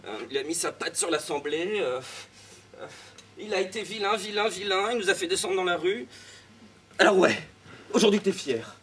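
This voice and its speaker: A young student man giving a comic speech in a low, mock-solemn confiding way. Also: normal speed, a bit bright. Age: young adult. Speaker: student debater. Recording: noisy room, mic far off.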